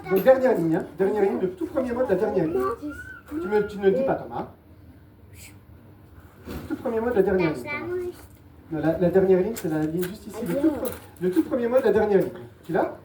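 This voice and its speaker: A woman's voice: medium pitch, sing-song, quick pace, a crowd in the background. Playful woman guiding volunteers on stage. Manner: playful, repeats instructions patiently. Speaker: stage mentalist. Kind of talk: live stage show with audience volunteers. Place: live show venue with audience. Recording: echoey, distant mic, noisy live room.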